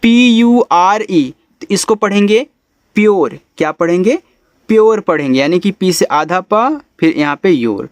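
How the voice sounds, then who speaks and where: A man teaching English phonics to beginners, spelling letters out slowly and then saying each word lower. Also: no room sound, studio quality. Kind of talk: phonics lesson explanation.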